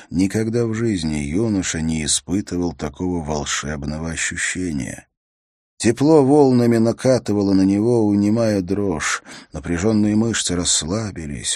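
Deep-voiced male audiobook narrator. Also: dry recording, clean studio sound. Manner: measured, steady storytelling.

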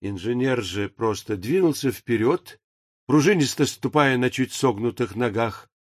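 A man narrating an audiobook in a measured, even storytelling manner. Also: medium pitch, no echo. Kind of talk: scripted narration. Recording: dry booth recording.

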